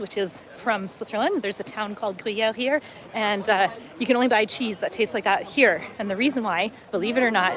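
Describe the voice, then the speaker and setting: A middle-aged woman from upstate New York, hosting a casual livestream on a lakeside waterfront, chatting and reading viewer comments aloud as she walks. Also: on the high side. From upstate New York, USA. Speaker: travel vlogger hosting a livestream.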